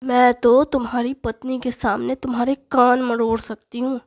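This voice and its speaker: Woman storyteller doing a bossy scolding mom, highish voice, orders everyone around. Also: level tone, moderate pace, a little mellow, close to an everyday voice. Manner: scolding, teasing, commanding. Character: bossy loud middle-aged mother-in-law, scolding.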